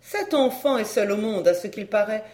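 A woman's voice: medium pitch, expressive, moderate pace, a little mellow, natural voice. A woman voicing a poised, haughty foreign countess in a cool, airy manner, read as an audiobook. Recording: roomy echo.

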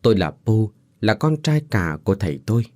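A man's voice: lowish voice, big pitch swings, brisk, a little mellow. A man voicing the earnest, respectful young son of an old sorcerer.

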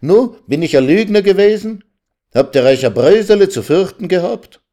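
A man reading aloud, voicing a know-it-all village lawyer who lectures slowly and condescendingly. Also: mid-range voice, big pitch swings, dark tone, lightly acted. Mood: triumphant. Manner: lecturing, drawn-out.

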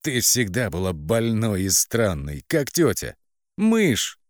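A man voicing a spiteful, cruel young woman who mocks her sister in a shrill, contemptuous voice. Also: sing-song, slow, no room sound, clean studio sound. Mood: mocking.

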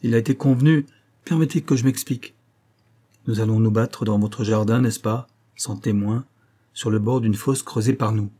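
A man's voice: fairly low pitch, normal speed, dark tone, slightly rough. A man voicing a proud, cornered young nobleman who argues insistently, in a storybook reading. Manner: heated, insistent pleading.

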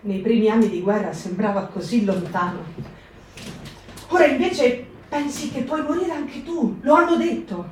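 In a stage reading for radio, an actress voices a frightened wartime woman who helps partisans, delivering a reflective, anxious monologue. Her voice is a little high and lightly acted. The recording is echoey, with a distant mic and slight background noise.

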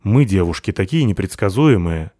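A man doing a deadpan sarcastic young woman. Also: deep voice, moderate pace, dry recording, clean studio sound.

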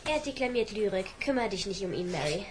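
A woman's voice: medium pitch, lively intonation, a little fast, a loud crowd, close to an everyday voice. An actress playing a bored, defiant teenage girl in a radio drama, curt and dismissive.

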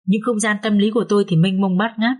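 A woman narrating an audiobook story in the first person, with a slow, sorrowful telling. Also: mid-range voice, fairly even intonation, darkish tone, husky. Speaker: audiobook reader.

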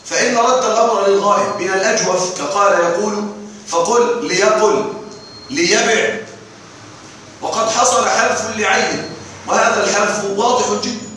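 A man with a fairly high voice teaches a class, working through each point patiently and stopping to ask whether everyone is with him. He sounds far from the microphone, in a very echoey room with a faint hiss underneath. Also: brisk, sharp tone. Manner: explains step by step, often checks the class understands. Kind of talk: classroom lesson explaining grammar verse. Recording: echoey room, distant mic, faint noise.

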